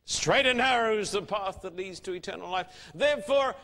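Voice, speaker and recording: A man's voice: high-pitched, lively intonation, moderate pace, bright, forceful tone. A man preaching a sermon, emphatic and fond of rhetorical questions. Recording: long hall reverb.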